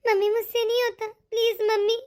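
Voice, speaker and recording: Woman voicing a whiny cartoon daughter, always complaining, really high pitched. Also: level tone, a little fast, darkish tone. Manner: whining, complaining, tearful. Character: whiny self-pitying young married daughter. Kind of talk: cartoon dialogue.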